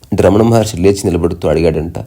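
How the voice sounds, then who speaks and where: A man giving a spiritual discourse as a teacher, slowly chanting Sanskrit verses and then explaining them in plain words. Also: low voice, warm tone.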